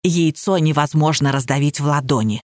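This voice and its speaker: A woman's voice: sits low, moderate pace, a little mellow, no echo, clean studio sound, pitched below the performer's own voice, close to an everyday voice. A woman reading the part of a stern, sardonic old woman, a pensioner who gives orders and mocks her guests. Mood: commanding. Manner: commanding and teasing.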